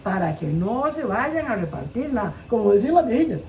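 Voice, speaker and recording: High lively costa rican lady telling folk tales, playful, mic kinda far, lil hiss. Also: brisk. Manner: animated, playful. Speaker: storyteller. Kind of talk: oral folk-tale telling. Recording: distant mic with faint noise.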